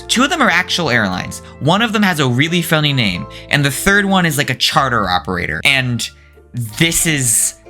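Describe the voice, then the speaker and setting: Rambling bright-voiced man ranting. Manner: rambling, full of "like" and asides; pitch swings up and down a lot. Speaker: video creator. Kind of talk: one-take casual rant. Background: faint background music.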